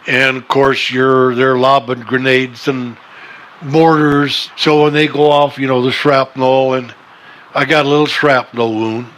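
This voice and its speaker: A man in his seventies with an American accent speaks as an old veteran remembering. His delivery is plain-spoken and unpolished, with pauses, in an interview at a middling pitch. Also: level tone, fairly bright tone, slight background noise, low-quality recording. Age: 70s. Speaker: retired Marine veteran interviewee. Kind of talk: interview recollection.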